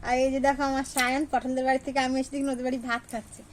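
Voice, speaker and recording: A young woman narrating a casual family vlog in a chatty way, talking softly to her young son at times. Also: high-pitched, level tone, racing, a little hiss or hum. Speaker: family vlogger.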